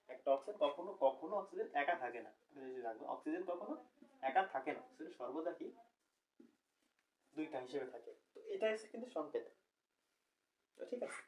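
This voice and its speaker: A man's voice: a little high, darkish tone, distant mic, poor audio. A young man teaching a recorded chemistry lecture, explaining step by step and asking the class questions, correcting himself as he goes.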